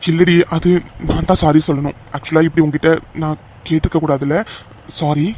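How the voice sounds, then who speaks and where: A lovesick young man in a cartoon, torn by guilt, pleading earnestly and emotionally, as a voice actor plays him. His voice sits at a middle pitch, with a faint background hiss. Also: little pitch movement, moderate pace, darkish tone, natural voice. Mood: apologetic. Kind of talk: cartoon voice dub.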